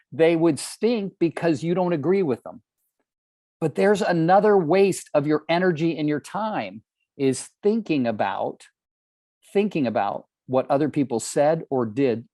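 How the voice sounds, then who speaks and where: A man's voice: fairly high pitch, darkish tone, no echo, studio quality. A man in his sixties from California, giving an earnest, emphatic motivational training talk to real estate agents, often asking the audience questions. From California, United States.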